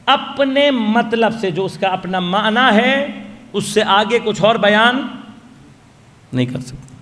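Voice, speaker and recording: High-voiced man preaching in a reverberant mosque. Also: animated, fairly bright tone. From Pakistan. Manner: measured, explanatory, asks the audience rhetorical questions. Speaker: Shia cleric giving a majlis sermon. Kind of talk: religious lecture. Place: large mosque hall. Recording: long hall reverb from a mosque PA. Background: long reverb.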